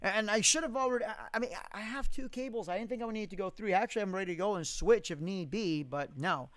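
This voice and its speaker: A young man with a high, smooth, clear voice hosts a casual live-stream Q&A, reading out viewer comments. He answers bluntly and profanely, ranting with strong opinions. The sound is close and dry, from a condenser mic in a home studio. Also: quick pace, fairly bright tone, no echo.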